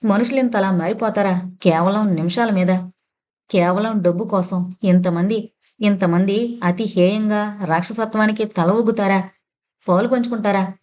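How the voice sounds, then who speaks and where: A woman narrating a horror novel as an audiobook, reading in a dramatic, measured manner. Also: medium pitch, steady tone, darkish tone.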